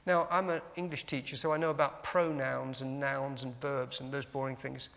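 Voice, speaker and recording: A man's voice: mid-range voice, flat delivery, normal speed, gravelly, a bit bright. A man preaching a conversational sermon in a church, wandering into asides and reading scripture aloud with stress on single words. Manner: conversational, digressive, reads scripture aloud with emphasis. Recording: long church reverb.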